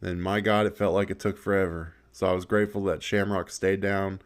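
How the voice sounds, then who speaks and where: A man's voice: low voice, flat delivery, brisk. A man giving casual gameplay commentary, swearing a lot, laughing often and rambling with restarts. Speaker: gaming video creator.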